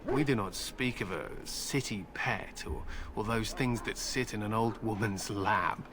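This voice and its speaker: Loud game music and a noisy background surround this game character, a stern human warrior who hunts grimly with war hounds. The actor's natural-sounding voice sits on the low side at a measured pace, solemn and curt as he speaks with pride of battle and his hounds.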